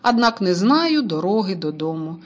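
A woman's voice: medium pitch, very animated, moderate pace. A woman voicing a small lost schoolboy in a storybook reading, pleading and whimpering. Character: small lost schoolboy, whiny, know-it-all.

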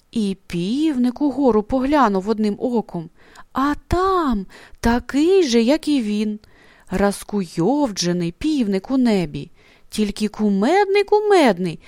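A woman reading a children's story aloud in an expressive manner, often dropping into soft, hushed passages. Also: mid-range voice, no echo, clean studio sound.

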